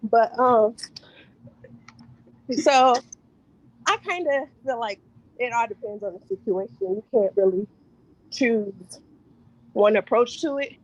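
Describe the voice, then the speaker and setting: A woman's voice: fairly high pitch, takes it slowly, pauses often, dull audio. A woman sharing her views in an online workshop, candid and chatty, slightly out of breath. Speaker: workshop participant. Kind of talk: casual discussion.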